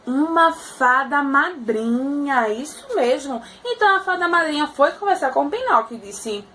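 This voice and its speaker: A woman teacher telling a story to small children, animated and often checking in with her listeners. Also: sits high, normal speed, slight background noise.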